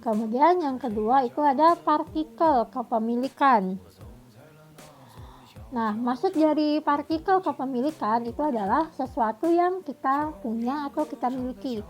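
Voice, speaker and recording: A high-pitched woman gives a recorded Mandarin lesson at an unhurried pace. She sounds out each example sentence with care and repeats it as a drill. Soft music plays faintly behind her. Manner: slow, careful pronunciation drills with repeated examples. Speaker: Mandarin teacher.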